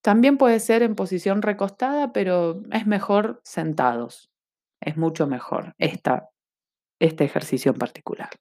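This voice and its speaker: A woman's voice: medium pitch, lively intonation, a little slow, darkish tone. A woman guiding a breathing lesson as an instructor, explaining step by step and checking understanding with short questions.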